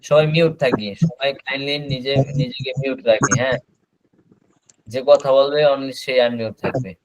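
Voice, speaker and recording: A man teaching an online class, explaining slowly and repeating words over a video call. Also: medium pitch, steady tone, rough recording. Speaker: English teacher.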